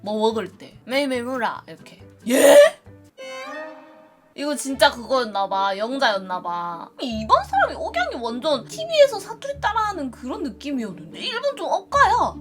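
A woman's voice: sits high, wildly swooping pitch, normal speed, music in the background. A woman with a Gyeongsang accent, playfully thinking aloud as she works through a dialect quiz. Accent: Gyeongsang Korean. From Gyeongsang region. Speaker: streamer taking a dialect quiz. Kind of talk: casual quiz commentary.

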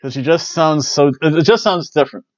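A man in his forties hosts a casual wrestling review, recapping shows from a small home room with loose jokes and playful exclamations. His voice is on the high side and fairly quick. He uses a headset mic on a webcam call, giving dry, dull lo-fi audio with no echo.

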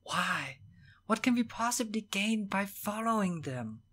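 Man voicing a young warrior apprentice, stubborn, incredulous, raised pitch. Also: lively intonation, measured pace, pushed and bright, heavily acted. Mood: protesting. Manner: incredulous, protesting.

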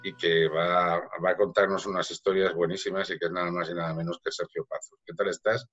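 Deep-voiced friendly interview host. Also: male voice, level tone, fairly quick, a bit bright, faint music behind. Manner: friendly, complimentary. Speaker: radio and TV host. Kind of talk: interview hosting. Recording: dull lo-fi sound.

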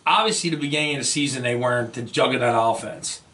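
An American man argues about sports on a casual podcast, emphatic and informal, his mid-range voice quick, bright and forceful. He's in a small indoor podcast studio, talking into a boom-arm studio mic with a foam windscreen.

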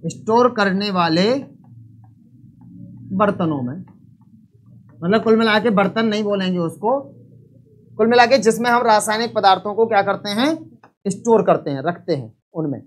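A man's voice: high-pitched, normal speed, long pauses, slight background noise. Man, live class teacher, repeats points, quizzes students. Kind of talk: live online lecture.

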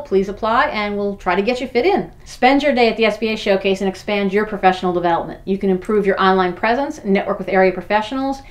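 In front of a backdrop, a woman in her forties promotes a business event to the camera. Her medium-pitched voice is upbeat and brisk as she lists the details.

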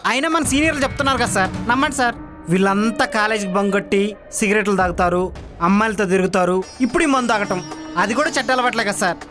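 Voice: mid-range voice, fast, fairly bright tone, lightly acted. An actor playing a scheming college staff member who keeps pressing to expel the students. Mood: insistent. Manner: insistent, accusing. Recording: music score behind.

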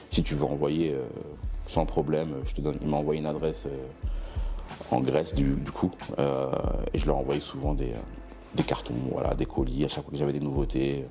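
Very deep-voiced relaxed man, halting. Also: vocal fry. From Benin roots. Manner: relaxed, hesitant with many fillers and restarts; gestures broadly while seated. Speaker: brand founder, guest. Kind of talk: casual interview talk. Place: studio room with clothing racks, indoors.

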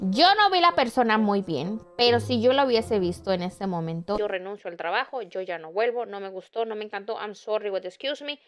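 A woman's voice: a little high, fairly bright tone. A woman in her twenties hosting a reaction video, chatting animatedly with jumpy exclamations. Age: 20s. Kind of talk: casual reaction commentary.

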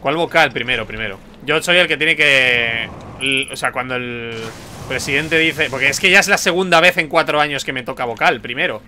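Bright-voiced gaming streamer. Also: male voice, mid-range voice, moderate pace, a little hiss or hum. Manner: chatty, thinks aloud, jokes with chat. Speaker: gameplay streamer. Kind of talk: casual gameplay commentary.

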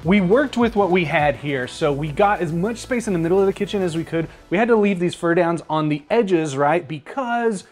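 A man's voice: sits high, animated, moderate pace, hardly any pauses, soft background music. Man, 30s, house-flip host; casual, explanatory walkthrough, lapel mic in a renovation site. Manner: easygoing, explanatory. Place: house under renovation, indoors.

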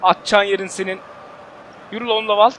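A young man hosting a gaming channel, giving excited football game commentary, yelling at his players and swearing. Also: sits high, fast talker, slight background noise.

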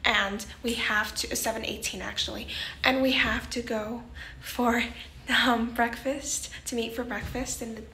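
A teenage girl chatting casually through her day as a vlogger, in her morning voice, with quick rushed asides. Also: a little high, steady tone, bright, forceful tone, roomy sound, a little hiss or hum. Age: teens. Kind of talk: casual vlog narration.

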